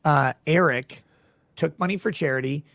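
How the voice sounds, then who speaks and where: Man, creaky voice, dry close sound, conversational interviewer, insistent, halting. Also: fairly high pitch, a bit bright, no room sound. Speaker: live stream interviewer. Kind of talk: conversational questioning.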